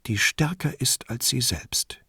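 A man's voice: mid-range voice, expressive, takes it slowly, gravelly, sharp tone, slightly rough, no echo, heavily acted. A man reading the part of a witty wife who teases her husband in a playful, dry way, in a slightly raised voice. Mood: teasing. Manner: wry, playful teasing. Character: witty teasing Italian wife, adult woman.

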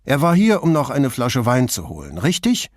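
A man's voice: medium pitch, wildly swooping pitch, normal speed, a little mellow, no echo, clean studio sound, voice pushed up. A man voicing a barman who speaks in a subdued, worn way, sometimes almost whispering. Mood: exasperated. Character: sorrowful male barman, Ruggiero.

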